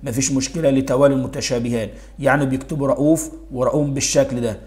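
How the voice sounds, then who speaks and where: A man's voice: medium pitch, steady tone, racing, a little mellow. Egyptian male teacher quizzing himself aloud. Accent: Egyptian Arabic. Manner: asks rhetorical questions and answers them himself; repeats key words for emphasis. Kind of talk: primary school grammar lesson.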